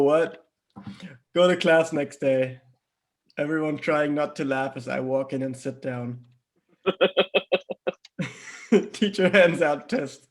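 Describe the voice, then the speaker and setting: A man with a German accent reading crude internet stories aloud to a friend on a call, often cracking up with laughter as he reads. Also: fairly high pitch. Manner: keeps breaking into laughter while reading.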